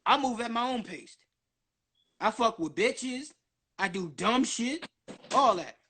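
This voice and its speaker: A man's voice: extremely high pitch, animated, slow pace, sharp tone, husky. A man in his early twenties rambling nonstop on a casual livestream, slangy and full of swearing. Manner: profane, slangy. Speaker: guest on a social media live stream.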